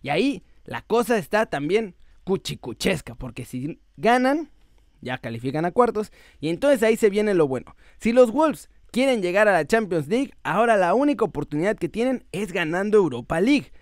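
A man's voice: high-pitched, big pitch swings, moderate pace, no room sound, clean studio sound. A young man with a Mexican accent, chatting casually about football news to his viewers in a slangy, joking way. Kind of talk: casual sports vlog.

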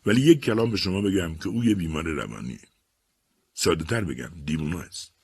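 A man's voice: low-pitched, animated, husky, full character voice. A man voicing a dismissive army major who is a doctor, speaking brusquely.

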